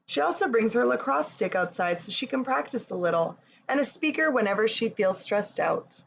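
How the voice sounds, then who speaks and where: A woman from Canada with a fairly high, expressive, creaky voice talks at normal speed, reading a picture book to children and cueing them through yoga simply and encouragingly. Recorded in a room, it has roomy echo, a distant mic and background noise.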